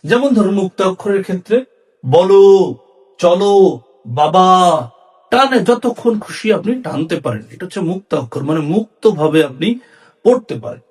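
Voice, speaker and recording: A man with a Bangladeshi Bengali accent, a fairly high pitch and a slightly husky grain, teaches a diction lesson. His delivery is measured and clear, and his voice rises and falls as he walks through each point. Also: a little mellow. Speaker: speech and debate instructor. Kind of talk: educational lesson on Bengali syllables.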